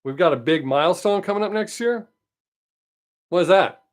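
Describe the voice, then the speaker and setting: A man's voice: high voice, expressive, moderate pace. A man in his late fifties hosting a casual livestream, chatting upbeat with viewers and answering them by name. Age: 50s. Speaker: livestream host. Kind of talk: casual chat with live viewers.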